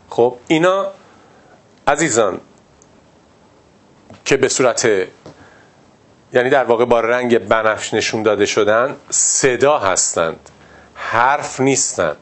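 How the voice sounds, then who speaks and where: Male teacher, animated intonation, patient step-by-step explanations. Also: mid-range voice. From Iran. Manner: explains step by step, repeats example words slowly. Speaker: English teacher. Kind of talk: classroom lesson on pronunciation.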